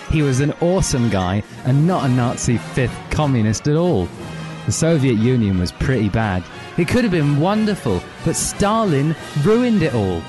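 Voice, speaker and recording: A man's voice: mid-range voice, close to an everyday voice. A man doing a clueless chatty schoolboy. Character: clueless cheerful teenage boy student.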